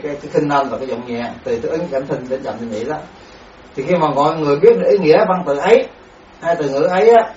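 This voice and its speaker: A man, a Buddhist monk, giving a dharma lecture on Abhidhamma, speaking haltingly with many repeated words and sounding out syllables. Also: medium pitch, a little mellow, a little hiss or hum. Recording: echoey room, distant mic, dull sound.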